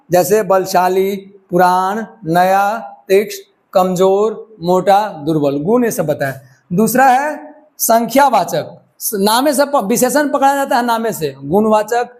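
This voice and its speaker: A man's voice: high-pitched, darkish tone. A man teaching a grammar lesson for exam preparation, talking to students in a loose, conversational way and often checking that they are following. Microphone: microphone.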